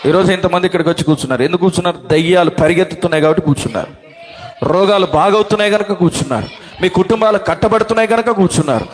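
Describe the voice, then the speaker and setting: A male pastor preaching a sermon to a congregation, calling for responses and swinging between loud declarations and low asides. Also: very fast. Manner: call-and-response preaching, urging the congregation to answer. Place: church hall with a congregation.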